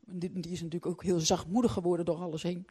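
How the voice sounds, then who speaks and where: A middle-aged woman preaches emphatically, swinging from loud outbursts to hushed, halting passages. Her voice is lowish, husky, and level in tone.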